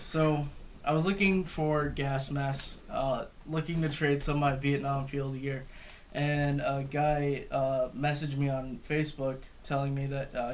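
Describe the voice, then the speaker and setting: A young man giving a casual, unscripted gear review at home, hesitant and matter-of-fact, picked up by a camera across a table. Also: medium pitch. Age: young adult. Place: room at home, indoors. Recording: clearly noisy home recording with clicks.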